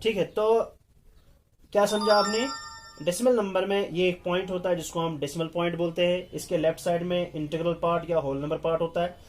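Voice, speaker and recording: A man teaching a math lesson, mixing in English terms. He speaks slowly, repeats himself and often checks that students understand. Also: sits high, little pitch movement, a little hiss or hum.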